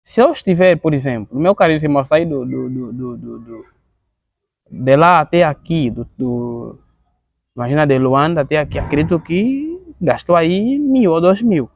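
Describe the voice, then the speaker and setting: Halting gravelly man with an Angolan accent. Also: on the high side, expressive, a little mellow, no echo, muffled recording. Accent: Angolan Portuguese. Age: 30s. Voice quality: gravelly, halting with frequent word repetitions. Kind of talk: earnest interview testimony.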